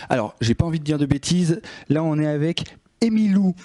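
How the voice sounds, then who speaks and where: High-voiced hesitant male radio host. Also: expressive, brisk, warm tone. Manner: hesitant, many fillers and restarts. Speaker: radio interviewer. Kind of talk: casual radio interview.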